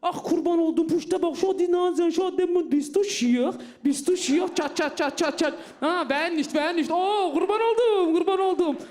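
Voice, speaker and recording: A woman's voice: very high-pitched, moderate pace, hardly any pauses, darkish tone, voice pushed up. A woman voicing a doting woman who coos and clucks over a baby, gushing and sing-song.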